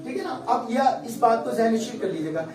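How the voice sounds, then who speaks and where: A man's voice: very high-pitched, expressive, music in the background. A male recitation teacher giving a patient classroom lecture, explaining step by step and checking often that his students follow. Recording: echoey room, distant mic, faint background hum.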